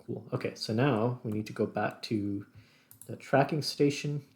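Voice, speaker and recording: A man with a medium-pitched voice and a moderate pace hosts a gaming channel, offering casual commentary and thinking out loud as he plays. The recording is clear of background noise.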